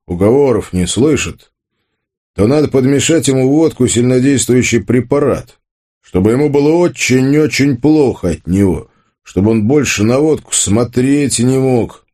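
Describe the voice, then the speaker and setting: A man reading an audiobook, voicing a hot-tempered young man who speaks gruffly and curtly. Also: medium pitch, lively intonation, moderate pace, mellow, pitched above the performer's own voice, natural voice. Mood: grim. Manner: gruff, curt.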